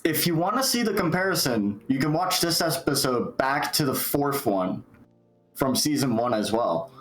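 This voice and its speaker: A man's voice: medium pitch, expressive, normal speed, a bit bright. Guy co-host on a stream, casual chat, roomy echoey mic, music in back. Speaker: livestream co-host.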